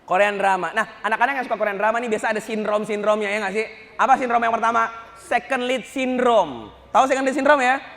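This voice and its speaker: A male Islamic preacher giving a humorous lecture, joking and telling stories with animated energy. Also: high voice, fast talker, creaky, big-room sound.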